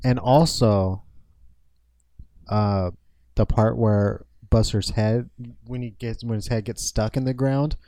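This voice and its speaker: A young man co-hosting a casual podcast, talking about a film in a halting way, restarting as he hunts for words. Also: lowish voice, steady tone, warm tone, no echo. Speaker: podcast co-host.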